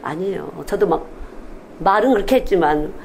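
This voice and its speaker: A woman's voice: on the low side, moderate pace, creaky, a little hiss or hum, poor audio. A woman missionary preaching a Sunday sermon in a candid, confessional way, often acting out quoted speech. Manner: animated, acts out quoted speech in different voices.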